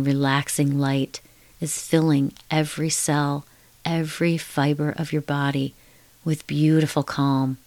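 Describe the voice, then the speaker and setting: A woman leading a guided hypnotic relaxation in a slow, soothing, hushed countdown manner with repetitive, lulling phrasing. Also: sits low, no echo.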